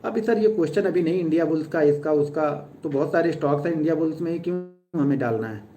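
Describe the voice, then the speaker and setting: A man in his thirties from Uttar Pradesh, a stock trader chatting fast and earnestly with viewers on a live stream. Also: fairly high pitch, mellow. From Uttar Pradesh, India. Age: 30s.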